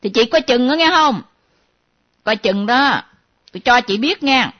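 This is a comedy sketch with a woman playing a teasing, nosy younger friend who speaks. Her voice is fairly high, and her pitch is very animated. The recording has a dull, lo-fi sound. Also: a little slow. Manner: teasing, lively, mimicking.

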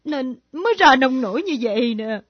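A husky, fairly high voice of a grieving widow in her thirties, pleading and confessing in a radio drama. The old recording is dull and dry. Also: animated, normal speed, dry recording. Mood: remorseful. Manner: earnest, pleading, tearful confession. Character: grieving widow secretly in love, remorseful.

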